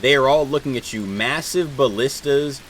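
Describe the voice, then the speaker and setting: A man's voice: medium pitch, moderate pace, a bit bright, slight background noise, poor audio. A man narrating as dungeon master on a tabletop game stream, casual and rambling with many fillers.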